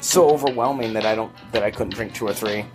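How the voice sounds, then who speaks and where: A man who runs a brewery, talking as a guest in a relaxed, rambling way with enthusiastic restarts. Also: lowish voice, quick pace, music in the background. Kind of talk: casual interview chat.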